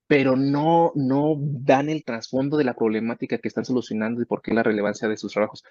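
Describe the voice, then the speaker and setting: A man of middle pitch explains how he mentors his research students, slipping into the voices of both sides of their talks. The sound is dry and a little dull. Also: level tone, fairly quick, a little mellow, dry recording. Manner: conversational, acts out student dialogues. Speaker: research professor.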